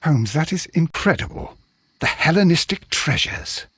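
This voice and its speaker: Husky, excitable British sidekick Watson. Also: male voice, a little high, unhurried, dry recording, heavily acted. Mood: astonished. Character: Watson, loyal, astonished gentleman sidekick. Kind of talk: video game voice acting.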